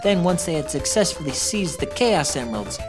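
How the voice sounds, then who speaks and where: Woman playing a young male hedgehog hero, scripted narration, low-pitched, wry, matter-of-fact, music behind. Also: sing-song, normal speed. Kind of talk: scripted first-person recap narration.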